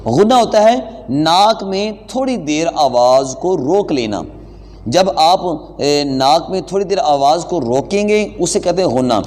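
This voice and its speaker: A man teaching an online lesson, patiently explaining pronunciation and reciting slowly and deliberately. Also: on the high side, expressive, a little mellow. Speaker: religious teacher. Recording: long hall reverb.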